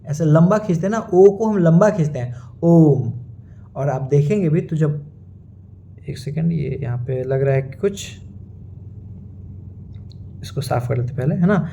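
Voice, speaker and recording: A man gives a teaching lecture. His voice sits high, with a warm, mellow tone. He keeps asking his listeners questions and then answers them himself. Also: normal speed, gravelly, long pauses, muffled recording, slight background noise. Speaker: Sanskrit teacher. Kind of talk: classroom-style lecture.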